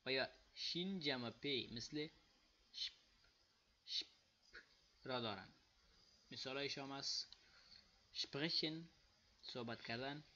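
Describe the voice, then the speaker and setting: A man with an Afghan Dari accent giving a casual spoken lesson, saying example words slowly and loudly, then explaining them quietly. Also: mid-range voice, dull audio. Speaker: language teacher.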